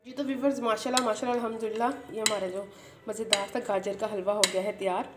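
A woman hosts a home cooking channel, demonstrating a recipe step by step at her kitchen stove and chatting directly to viewers, often adding a pious phrase. Her medium-pitched voice is flat and fast. The kitchen is echoey, with loud sizzling, clanking pans, and background noise.

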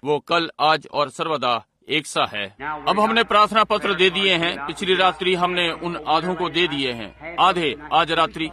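Over crowd noise, a man with a fairly high voice delivers a Hindi sermon and prayer at a measured pace. He speaks earnestly, repeats himself, and often turns to the congregation with asides.

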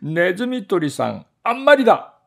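A sly little storybook mouse, ungrateful and condescending, who whines in a high, swooping voice, played by a man reading aloud. He acts put upon and grand, and his complaints climb to shrill wails. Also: big pitch swings, a little slow, a little mellow. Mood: shrill outrage. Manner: smug and condescending, turning to shrill wailing.

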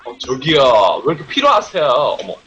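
A man's voice: medium pitch, wildly swooping pitch, brisk, sharp tone, slightly rough. A man streaming a racing game live, chattering nonstop with exclamations, teasing and playful swearing. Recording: dull lo-fi stream audio with faint hiss.

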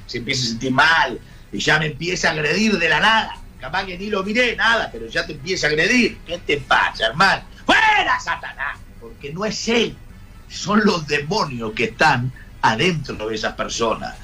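An Argentine pastor in middle age preaches a sermon with animated storytelling. His voice is bright and forceful, breaking into sudden shouts. Faint music plays behind him. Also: on the high side. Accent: Argentine Spanish.

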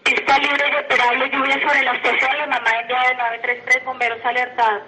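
A woman's voice: sits high, level tone, brisk. A woman giving formal, procedural instructions as an air traffic controller over aviation radio. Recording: radio transmission with faint noise.

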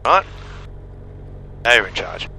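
Slow-paced but very animated, a man with a low, gravelly, sharp voice teaches flying in short, direct explanatory phrases. He's in a small aircraft cockpit on an aviation headset, captured as a rough intercom recording with faint engine noise.

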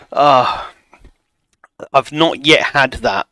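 A man's voice: medium pitch, lively intonation, drawn-out words, pushed and bright, clear, resonant tone, dry recording. A man in his late thirties streaming a football management game, chatting casually and self-mockingly with viewers from a desk at home. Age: 30s. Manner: chatty, self-mocking, reads chat aloud. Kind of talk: casual chat with stream viewers while playing.

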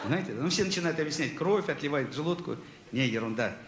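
A man's voice: on the high side, lively intonation, fast talker, fairly bright tone, reverberant. A man telling a comic story on stage as a chatty, boastful prankster, with an audience listening. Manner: chatty, boastful joker telling tall tales. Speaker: stand-up comedian.

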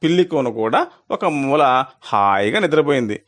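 A man narrating a children's moral story as storyteller, in an expressive manner that slows down for effect. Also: medium pitch.

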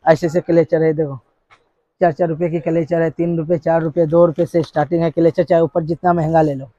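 Salesman rattling off prices, flat and dark. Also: on the high side, no echo, dull audio. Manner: brisk, repetitive price-listing salesman patter. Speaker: wholesale shopkeeper. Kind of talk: sales pitch to a vlogger. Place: crowded cosmetics shop, indoors.

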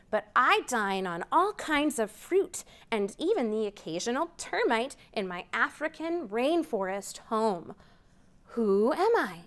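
This is an animated storytime in an indoor library program room, where a woman in her thirties reads a picture book to young children. Her high voice swoops with wide leaps in pitch, she takes her time speaking slowly and clearly, and her counts rise excitedly. A camera at mid distance records her.

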